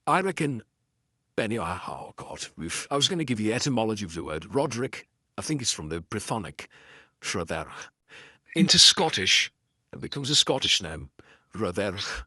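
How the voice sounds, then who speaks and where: A middle-aged Geordie man talks through a book in a loose, meandering way, full of ums, restarts and wry asides at his own expense. His voice sits low but bright and forward, and it swings widely in pitch. The sound is close and dry. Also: big pitch swings, fairly quick, slightly rough, no echo. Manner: digressive, self-deprecating, full of ums and restarts. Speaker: audiobook narrator. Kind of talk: casual rambling commentary.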